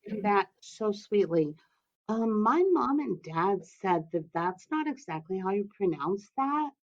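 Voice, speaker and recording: A woman's voice: medium pitch, animated, unhurried, muffled recording. A woman who is an instructional specialist, talking as a guest in a podcast interview, chatty and emphatic, telling stories.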